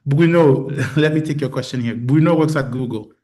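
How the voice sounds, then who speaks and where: A man's voice: medium pitch, moderate pace, a little mellow. A man moderating a panel discussion, affirming the speakers and passing on questions. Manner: affirming, switches between English and Creole.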